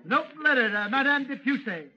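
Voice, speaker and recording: A man's voice: very high-pitched, expressive, quick pace, bright, forceful tone. A man doing 1930s radio comedy as a columnist, blustering and grumbling asides. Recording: old lo-fi radio recording with hiss.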